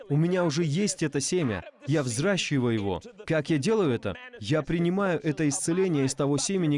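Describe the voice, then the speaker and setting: A man's voice: on the high side, darkish tone. A man voicing a preacher's sermon in a dub, repeating phrases and asking the audience rhetorical questions. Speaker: voice-over translator of a preacher. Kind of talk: dubbed sermon.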